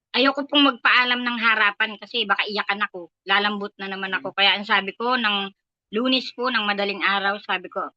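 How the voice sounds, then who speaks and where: Bright-voiced older Filipino woman, dull lo-fi sound. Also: fairly high pitch, no room sound. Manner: emotional, earnest, retelling prayers aloud. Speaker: church member giving testimony. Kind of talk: personal testimony at a prayer meeting.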